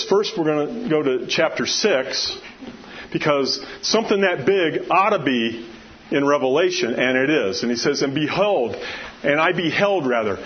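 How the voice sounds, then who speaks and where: A man teaching a Bible study preaches in a loud, slightly high voice that carries. He is informal, conversational and emphatic, often quizzing his listeners, and his sermon blends scripture readings with personal asides. The recording sounds dull and lo-fi, with background noise clearly present.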